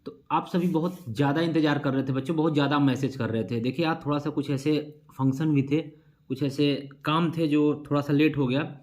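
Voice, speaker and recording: Male teacher talking straight to his students, repetitive and upbeat, slightly high-pitched. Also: steady tone, a little fast, darkish tone. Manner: encouraging, repetitive, addresses students directly. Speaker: science teacher and channel host. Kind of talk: casual talk to students.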